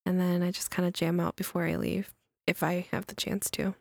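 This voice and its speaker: A woman's voice: fairly low pitch, little pitch movement, a little fast, gravelly, no echo, studio quality. A young woman from El Salvador chatting casually on a podcast, hesitant and full of filler words. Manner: hesitant, lots of likes and I don't knows. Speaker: podcast co-host.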